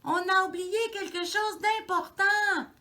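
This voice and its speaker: A small, eager boy mouse from a storybook calls out in a very high, pleading voice, as a woman with a Québécois accent puts him on. His calls are loud and leap up and down in pitch. He sounds urgent and earnest. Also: lively intonation, slow pace. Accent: Québécois French.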